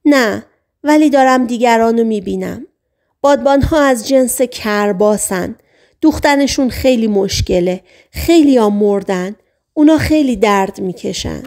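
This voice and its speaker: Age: adult. Figure: hypnotized woman reliving a past life as a sailor , read by a woman. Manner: halting trance-like phrases. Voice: high, gravelly. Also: darkish tone, close to an everyday voice. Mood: dreamy. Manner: short halting sentences, as if in a trance. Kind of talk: audiobook reading.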